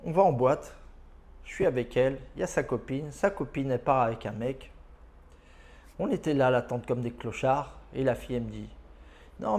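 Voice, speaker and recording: A man's voice: mid-range voice, a little mellow. A man giving dating advice in a casual monologue, telling his own stories in a boastful, slangy and emphatic way.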